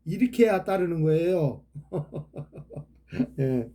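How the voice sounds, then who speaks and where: Chungcheong accent guy rambling like a sermon, says ye every few words, soft mellow tone. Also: a little high, animated, extremely slow. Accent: Chungcheong Korean. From Chungcheong, South Korea. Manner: rambling, peppers speech with "ye" filler. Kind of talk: casual preaching talk.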